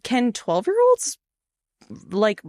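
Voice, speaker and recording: A woman's voice: fairly high pitch, wildly swooping pitch, slow pace, a little mellow, no echo. A woman hosting a podcast in casual chat, dry and teasing, laughing along. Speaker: podcast host.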